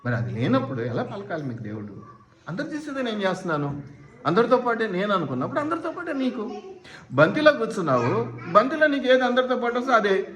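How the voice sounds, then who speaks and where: A man's voice: sits high, very animated, fast, a bit bright. A man preaching a sermon as pastor, firing rhetorical questions and acting out what imagined people say. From India. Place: church hall. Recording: echoey church hall.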